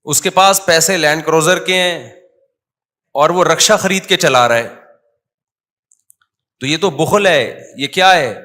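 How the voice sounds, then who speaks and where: A man's voice: on the high side, long pauses, pushed and bright. A man with a Pakistani Urdu accent giving a conversational sermon in a mosque, often quizzing the audience with questions. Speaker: mufti giving a Friday talk.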